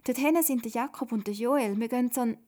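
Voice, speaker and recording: A woman voicing a young girl who corrects others in a lively way, with a Swiss German accent. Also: fairly high pitch, fast, voice pushed up, close to an everyday voice. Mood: instructive.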